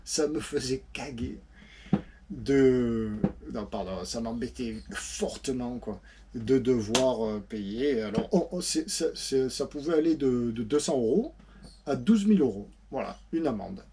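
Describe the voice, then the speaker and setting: A man's voice: mid-range voice, animated, a little slow, background noise. A man with a Marseille accent, a sailing vlogger talking casually to camera in a chatty, meandering, plain-spoken way. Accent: Marseille French. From Marseille, France.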